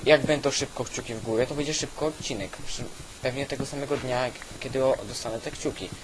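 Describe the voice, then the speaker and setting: A man giving casual, halting gameplay commentary, thinking aloud as host on an old weak microphone. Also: mid-range voice, fairly even intonation. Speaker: gaming video host. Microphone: old cheap weak microphone. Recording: constant hiss from weak microphone.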